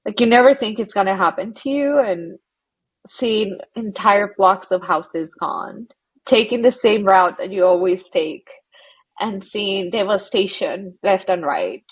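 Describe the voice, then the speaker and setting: A woman from Colombia, a guest psychologist, talking in a reflective, halting way with soft laughs between phrases. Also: mid-range voice, breathy edge, poor audio. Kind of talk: casual interview conversation.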